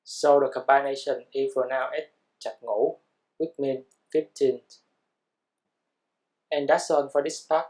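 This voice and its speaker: Slow, mellow-voiced man teaching a language. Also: mid-range voice, little pitch movement, rough recording. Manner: careful, measured explanation. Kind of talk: scripted lesson narration.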